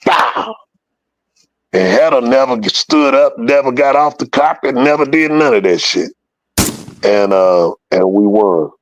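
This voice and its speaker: A man's voice: mid-range voice, measured pace, dry recording. A man telling a story in an interview, casual and full of profanity, acting out the voices of the people in it. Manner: profane, animated, acts out quoted voices. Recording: dull lo-fi dry recording.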